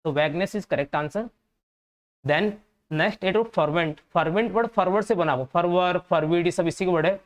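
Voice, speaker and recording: A man's voice: sits high, a little slow. A man with a Hindi accent teaching an English vocabulary lesson for exams, patiently explaining and repeating each word's meaning.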